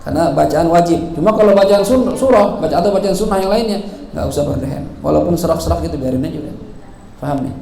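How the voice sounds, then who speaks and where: A man's voice: a little high, lively intonation, fast, vocal fry, mellow. A man teaching religious law in a prayer hall, playful and acting out examples with frequent laughs. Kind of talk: sermon. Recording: echoey hall, faint ambient noise.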